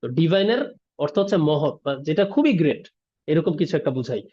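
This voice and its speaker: Fast, high-voiced teacher. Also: male voice, big pitch swings, warm tone, slight background noise. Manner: explains word by word, mixing English terms, asks "ঠিক আছে?". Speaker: English teacher. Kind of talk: online class lecture. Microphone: video call. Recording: dull lo-fi online class audio.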